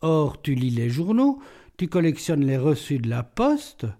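A blunt, exclamatory police inspector, as a man puts him on in an audiobook. His voice is mellow but lively, rising and falling as he exclaims. Faint music sits underneath. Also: fairly high pitch, a little slow. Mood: amazed. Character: gruff, amused male police inspector. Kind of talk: audiobook reading.

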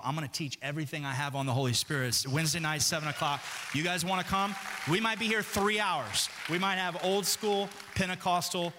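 In a church sanctuary with long, hall-like reverb, a man preaches to his congregation, talking with them informally. He reads scripture in a slow, deliberate way, then rises in pitch and volume as his passion builds.

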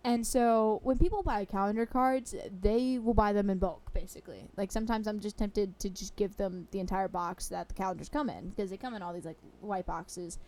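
A young woman who works a fast-food drive-thru, chatting casually about customers, laughing often and filling pauses with um and like. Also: mid-range voice, a little mellow. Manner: giggly, chatty, full of fillers. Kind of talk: casual storytelling.

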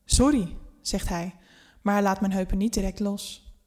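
A woman narrating a scripted first-person erotic story in an intimate, unhurried way that drops to a hush at times. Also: medium pitch, completely flat delivery.

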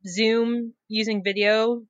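A woman's voice: on the high side, flat delivery, slow pace, clear, resonant tone, dry recording, dull audio. A woman in a casual discussion who sounds tentative as she offers her view.

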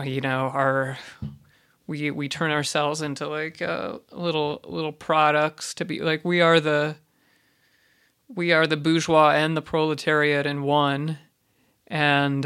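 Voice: mid-range voice, fairly bright tone, clean tone. A speaker in a loose solo rant, exasperated and swearing freely. The speech keeps circling back on itself with fillers and restarts. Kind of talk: casual ranting monologue.

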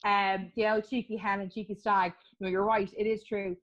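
A woman's voice: medium pitch, level tone, moderate pace, lo-fi sound. An Irish woman chatting as an interview guest about her postponed wedding plans, talking freely with frequent laughs and restarts. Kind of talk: casual chat.

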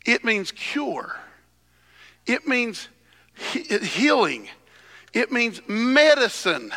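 Male preacher, high bright voice, slow delivery, at a pulpit microphone in a reverberant church hall. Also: sing-song. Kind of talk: sermon.

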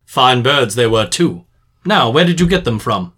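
Shrewd gentleman sleuth, played by a man; measured, dryly confident delivery. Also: medium pitch, lively intonation, slightly rough. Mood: cool. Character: calm, shrewd gentleman detective.

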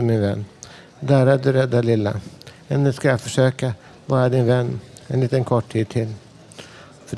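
A man's voice: mid-range voice, warm tone. A man reading a poetic monologue on community radio, solemnly declaiming rhetorical questions.

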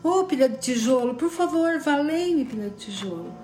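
A woman's voice: sits high, animated, moderate pace, a little mellow. A woman doing a sweet pleading girl. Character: gentle, pleading good young girl. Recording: echoey room.

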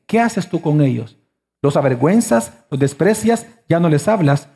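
A man's voice: fairly high pitch, warm tone. A pastor in his forties preaching a sermon, emphatic and full of rhetorical questions to the congregation.

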